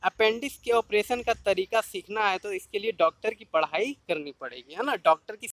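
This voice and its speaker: ऊँची, चमकीली आवाज़ वाला पुरुष शिक्षक. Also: male voice, high-pitched, a bit bright. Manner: repeats keywords slowly and drills mnemonic tricks. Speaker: vocabulary teacher. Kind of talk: exam-prep vocabulary lesson.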